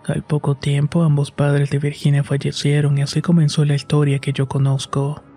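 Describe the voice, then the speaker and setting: A man narrating a scripted horror story in a steady, unhurried way. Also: on the high side.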